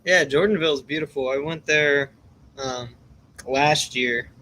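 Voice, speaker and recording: A man's voice: fairly high pitch, unhurried, sharp tone, slight background noise. A man hosting his own livestream, chatting loosely with many fillers and restarts. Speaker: livestream host. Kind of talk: casual livestream chat.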